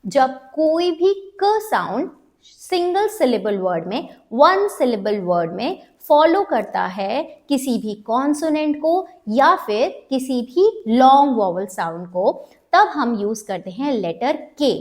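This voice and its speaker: Teacher, woman, patient and deliberate, lively pitch, spells out each sound. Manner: slow, spells out sounds, repeats for learners; mixes Hindi with English terms. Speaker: phonics teacher. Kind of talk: step-by-step lesson.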